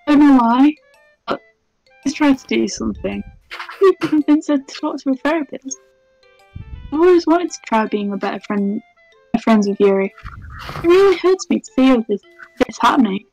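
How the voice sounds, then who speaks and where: A woman's voice: high-pitched, lively intonation, moderate pace, gravelly, pauses often, darkish tone, soft background music, full character voice, rough recording. A woman voicing an anxious, pouty teenage schoolgirl from a visual novel, earnest and pleading. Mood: worried, pleading. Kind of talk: visual novel character dubbing.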